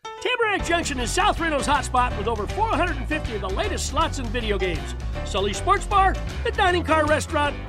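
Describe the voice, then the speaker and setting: Very high-pitched, animated male ad announcer. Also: fairly quick, music in the background. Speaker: advert announcer. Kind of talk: upbeat scripted commercial read.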